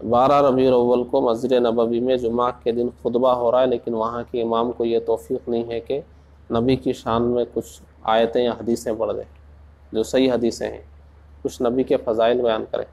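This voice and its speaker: A man preaching in a slow, deliberate way, asking rhetorical questions and rising into passionate emphasis. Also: medium pitch, flat delivery, a little mellow. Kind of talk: Urdu sermon.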